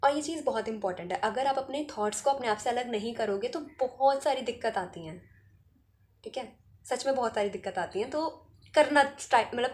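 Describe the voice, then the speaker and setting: A woman giving casual spiritual self-help advice, chatty and often checking in with "ठीक है?". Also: fairly high pitch. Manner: chatty, keeps adding "ठीक है?". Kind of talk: casual advice talk to camera.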